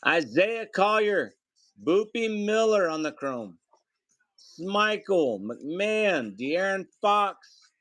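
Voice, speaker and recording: A man's voice: high voice, fairly bright tone, no room sound. A man hosting a live card break, reading off player names and calling out the hits to viewers.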